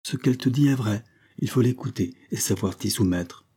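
A gruff old man of a storybook, a usually patient guardian now speaking curtly and roughly, as a man voices him. The voice is dark and husky, a touch lifted from the reader's own. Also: mid-range voice, normal speed. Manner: curt and rough.

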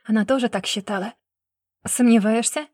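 A woman narrating a story in an even, measured reading voice. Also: mid-range voice, slightly rough, dry recording, clean studio sound.

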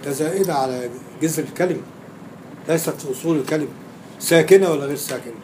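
A man's voice: on the high side, fast talker, background noise. A man with an Egyptian Arabic accent lecturing on grammar in a classroom, quizzing his students and repeating key words for emphasis.

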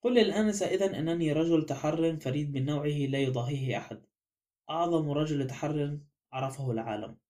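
A proud, pompous master detective who insists on his own greatness, as a man reads him aloud. The voice sits a little high for a man yet sounds mellow and dark. It comes from a spoken audiobook. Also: fairly quick, lightly acted. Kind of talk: audiobook character reading.

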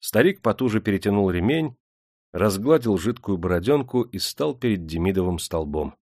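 A man narrating an audiobook in a steady, measured storytelling manner. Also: lowish voice, no echo, clean studio sound.

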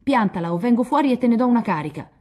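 Indignant proud youth, read by a woman; husky, warm tone. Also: fairly low pitch, expressive, fast talker. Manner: indignant, blustering. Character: hot-tempered proud young man.

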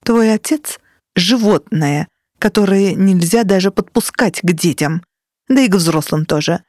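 A woman's voice: medium pitch, animated, measured pace, a little mellow, no room sound, studio quality. A woman voicing a cold, domineering sorceress mother in an audiobook, speaking in an icy, scolding, sharply emphatic way. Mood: cold scorn. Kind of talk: audiobook character reading.

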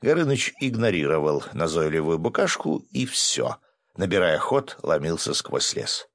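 A low-voiced man reading a first-person fantasy audiobook in a lively, slangy manner. The sound is dry and close, with no room echo. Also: normal speed, creaky. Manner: lively, colloquial, mildly crude. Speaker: audiobook narrator.

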